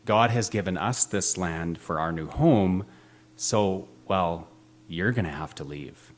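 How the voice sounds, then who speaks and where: A man's voice: low-pitched, slow pace. A man voicing an earnest young male cartoon vegetable leader, eager and awkward in manner.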